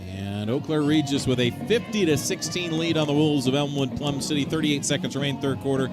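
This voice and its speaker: A man's voice: a little high, a little fast, music in the background, rough recording. A man calling live American football play-by-play as the game's announcer. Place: outdoors at a football stadium.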